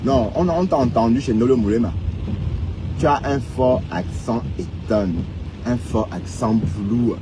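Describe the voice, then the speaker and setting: A man from Cameroon rants unhurriedly on a casual live stream, teasing and mocking viewers in a Cameroonian French accent with plenty of "hein." His voice sits mid-range, and background noise is present.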